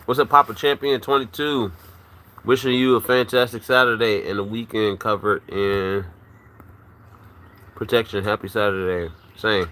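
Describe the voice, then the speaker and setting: A man with a Virginia accent chats loosely on a livestream, swearing freely and answering viewers by name. His voice is bright, and faint background noise sits behind him. A swollen wisdom tooth leaves his words slightly thick. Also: on the low side, steady tone, normal speed. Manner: loose, profane, talks to chat by name. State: swollen wisdom tooth, mouth not fully closing. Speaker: livestream host. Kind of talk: casual live chat.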